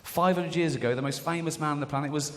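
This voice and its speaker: A man's voice: fairly high pitch, fast talker, fairly bright tone. A British man doing a stand-up comedy routine in a large theatre, talking sardonically and often slipping into mocking voices. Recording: live theatre recording with long reverb and audience noise.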